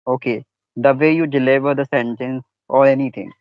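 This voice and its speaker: A man, speaking haltingly and searching for words in a casual English practice discussion. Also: mid-range voice, steady tone, no echo. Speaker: English conversation partner. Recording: dull, lo-fi, dry sound.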